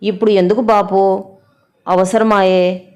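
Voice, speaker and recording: A woman's voice: mid-range voice, little pitch movement, measured pace, a little mellow, lightly acted. A woman voicing a worried middle-aged son who calls out to his father in distress, with a Telangana Telugu accent. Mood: doubtful. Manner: calling out in distress.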